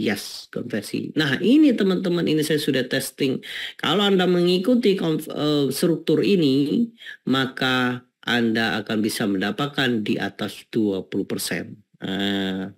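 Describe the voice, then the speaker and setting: A man hosting an online marketing webinar, talking casually and asking the audience whether they follow him, with many fillers. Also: on the high side. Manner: chatty, repeats rhetorical questions to the audience, many fillers. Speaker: webinar host teaching landing pages.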